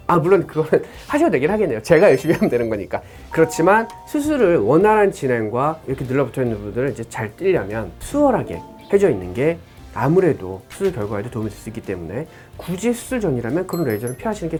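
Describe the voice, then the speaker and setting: A woman plastic surgeon explaining procedures in an informational clinic video, talking rapidly and animatedly. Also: low voice, darkish tone, breathy edge.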